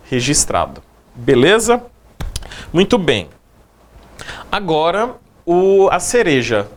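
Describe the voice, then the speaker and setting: A man with a Brazilian Portuguese accent, a psychologist giving a conversational sales training lecture, often checking in with his listeners. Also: fairly high pitch. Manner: conversational, frequent "né?" and "beleza?" check-ins.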